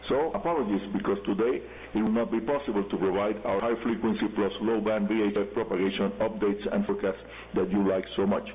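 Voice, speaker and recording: A Cuban-accented man whose first language is Spanish hosts a scripted radio show, speaking to listeners directly and deliberately in a lowish, steady voice. The broadcast is heard via shortwave, narrow-band and full of hiss and hum.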